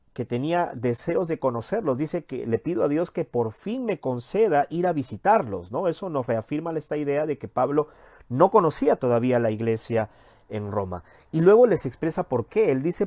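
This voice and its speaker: A man's voice: mid-range voice, darkish tone, no echo, studio quality. A man teaching a Bible study in a conversational way, explaining step by step with frequent tag questions and hesitations.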